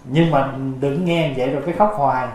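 A Buddhist monk giving a gentle dharma talk, now and then chanting verse passages from scripture. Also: male voice, mid-range voice, fairly quick, crowd noise. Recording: echoey room.

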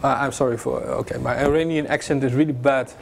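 This young adult man has a medium-pitched voice with vocal fry, fairly even intonation, and a fast delivery. He's joking through a casual security talk with slides, stumbling over fillers and restarts, captured by a distant camera in a classroom with a projector screen, with some hiss or hum.

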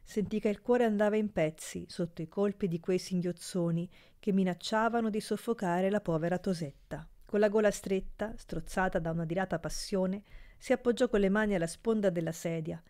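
A woman narrating an audiobook of a classic novel in a measured, expressive way. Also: mid-range voice.

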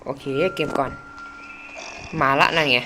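A man giving let's play commentary, talking straight to his viewers in a chatty, jumpy way. He breaks into quick startled yelps as he plays. Steady background noise hums under the recording. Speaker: gaming channel host.

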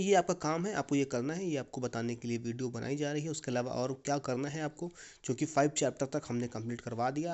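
A man's voice: a little high, warm tone. A man with an Indian accent, a school English teacher, explaining a lesson patiently to his students and repeating key points. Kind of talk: classroom lesson video.

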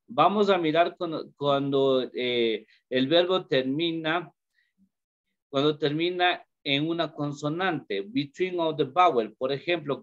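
Hombre profesor de inglés, habla lento. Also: male voice, on the high side, a bit bright. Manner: slow, repeats questions to students, mixes English into Spanish. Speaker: English teacher. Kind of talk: online class lesson. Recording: dull lo-fi call audio.

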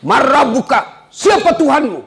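A man voicing a stern angel who questions the dead in the grave, speaking in a high, insistent interrogating voice. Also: sing-song, unhurried, a bit bright, a little hiss or hum, heavily acted. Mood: demanding.

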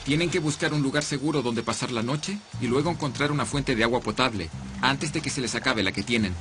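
A man's voice: medium pitch, fairly quick, background noise. Serious male documentary narrator. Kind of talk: scripted narration, dubbed voice-over. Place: studio voice-over.

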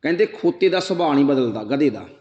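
High-voiced man preaching in an echoey hall. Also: expressive. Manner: asks rhetorical questions, recites verse lines slowly; addresses listeners directly. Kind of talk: sermon exposition of scripture. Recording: echoey hall, dull lo-fi sound.

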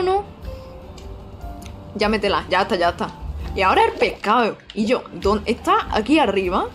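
A woman's voice: a little high, a little hiss or hum. A young woman chatting casually with her live-stream viewers while playing, frank and swearing casually. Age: young adult.

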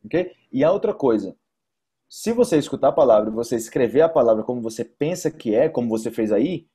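Informally teaching Portuguese to a single student by video call indoors, this young Brazilian-accented man explains things and repeats key points to stress them. He speaks a little fast in a warm, husky, mid-range voice with plenty of animation.

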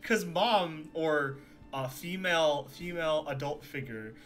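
A streamer chatting casually over a game, excitable, self-mocking and quick to swear. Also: medium pitch.

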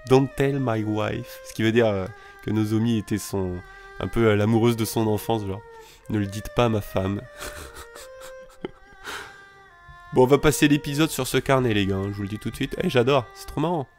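A man hosting a calm let's play, reading in-game messages aloud and musing on them in a chatty way. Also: lowish voice, fast, soft background music. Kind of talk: calm gameplay commentary.

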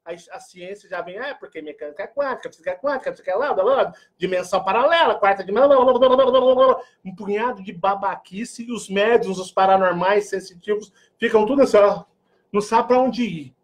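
Animated Brazilian man, higher voice. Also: brisk. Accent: Brazilian Portuguese. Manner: animated, joking, swings between mock-posh and earnest. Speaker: spiritual channel host. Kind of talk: casual spiritual monologue.

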